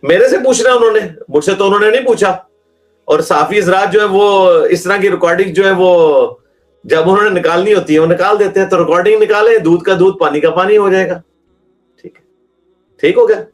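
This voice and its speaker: A man with a Pakistani accent argues emphatically as a religious scholar in a question-and-answer talk, throwing out rhetorical questions. His voice sits high and moves fairly quickly.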